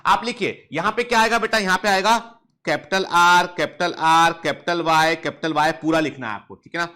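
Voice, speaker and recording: A man's voice: on the high side, normal speed, sharp tone, clean tone. A man teaching biology in an online lecture, drilling his students with repeated questions and playful scolding. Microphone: touchscreen device close up.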